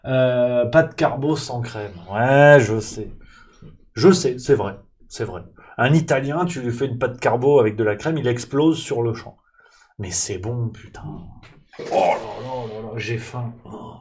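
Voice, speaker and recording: A man's voice: medium pitch, unhurried, darkish tone, breathy edge. A man hosting a casual talk, rambling and joking with many fillers. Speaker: host. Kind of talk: casual political chat.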